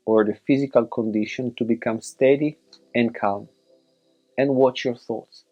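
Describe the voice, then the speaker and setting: Speaking in short, separated phrases, a male teacher leads a guided meditation with measured instructions. His mid-range voice is a little mellow, and the sound is lo-fi.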